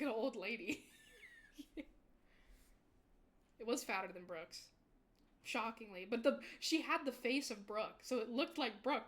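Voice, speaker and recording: A woman's voice: fairly high pitch, a bit bright. A young woman VTuber chatting casually with her stream viewers, rambling and giggling often.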